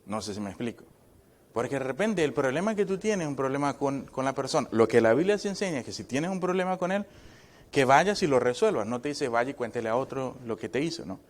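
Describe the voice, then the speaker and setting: Expressive and brisk, a pastor delivers a chatty, back-and-forth church sermon, tossing short checking questions to the congregation nonstop. His middle-pitched voice carries occasional joking asides.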